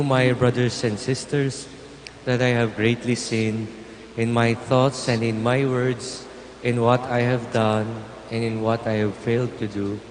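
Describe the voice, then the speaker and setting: A man, a priest, leading Mass prayers in a solemn, measured way inside a large basilica, his voice ringing with cathedral echo. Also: medium pitch. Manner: solemn, measured liturgical recitation. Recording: long church reverb, faint background noise.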